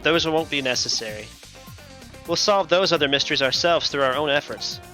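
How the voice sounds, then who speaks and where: Keen teen club boy, read by a young man, earnest, a touch high. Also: fairly quick, bright, forceful tone, faint music behind. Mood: proud.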